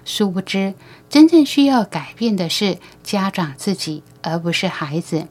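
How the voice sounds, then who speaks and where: A woman reading the lines of a calm male alien teacher in an audiobook, patient and knowing as he talks to human parents. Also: medium pitch, measured pace. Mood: gentle, instructive.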